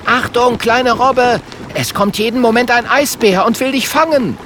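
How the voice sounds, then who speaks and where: A man voicing a small, eager male fire dragon in a storybook reading, speaking high with urgent calls. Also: sing-song, unhurried, a little hiss or hum.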